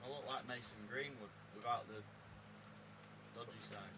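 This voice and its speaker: A man with a medium-pitched voice chats casually as a stream guest. Clear background noise sits behind his voice. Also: normal speed. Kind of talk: casual chat.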